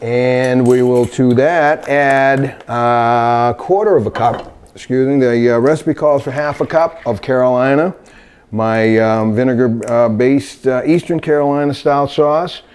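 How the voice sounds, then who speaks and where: A man hosting a cooking video, talking through a recipe in his kitchen in a halting, meandering way. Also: mid-range voice, a little mellow, clean tone. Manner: halting, meandering, searches for words. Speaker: cooking show host demonstrating recipes. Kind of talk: unscripted cooking demonstration. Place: home kitchen indoors.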